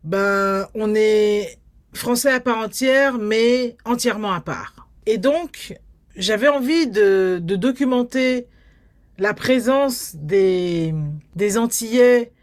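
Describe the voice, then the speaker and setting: A woman's voice: mid-range voice, slow pace. A woman documentary filmmaker from Guadeloupe, speaking in an interview and acting out the inner thoughts she quotes. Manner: animated storyteller, acts out quoted inner thoughts. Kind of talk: interview conversation.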